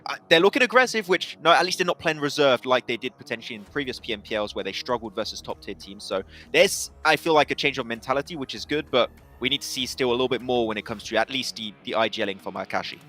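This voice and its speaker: Guy on an esports analyst desk, talks fast, bright voice, restarts a lot. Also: medium pitch, lively intonation, soft background music.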